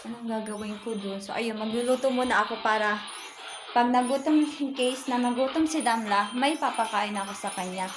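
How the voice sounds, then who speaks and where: A woman's voice: fairly high pitch, normal speed, over music. A woman from the Philippines chatting casually in a rambling family vlog from her home kitchen, full of fillers. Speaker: vlogger. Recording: echoey room with noise.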